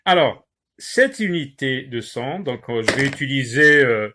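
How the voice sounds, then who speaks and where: A male teacher giving a lesson on syllables, repeating words slowly and pausing often with hesitations. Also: medium pitch, expressive, bright, forceful tone. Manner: slow, drawn-out word repetitions with many "euh" pauses. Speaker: primary school teacher.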